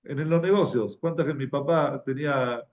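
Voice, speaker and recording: Speaking with an Argentine Spanish accent in a mid-range voice, a man gives an informal sermon built around anecdotes. He tells his stories conversationally and haltingly, repeating words along the way.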